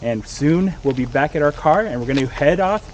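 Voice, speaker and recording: A young adult American man hosts a casual vlog outdoors. His voice sits a little high for a man, and he explains things in a chatty, easygoing style. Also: animated, fairly quick, a little hiss or hum, rough recording. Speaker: vlog host. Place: outdoors on park trails and at a campground.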